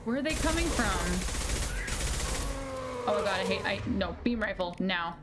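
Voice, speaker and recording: A woman game streamer giving casual commentary, chatty, jittery and expressive. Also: mid-range voice, normal speed. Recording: clear background game noise. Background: video game action.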